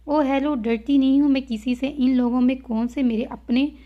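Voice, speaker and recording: A woman's voice: high voice, steady tone, moderate pace, lightly acted. A woman reading the lines of a bold, feisty young bride in a storybook novel, in a sassy way. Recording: dull lo-fi audio.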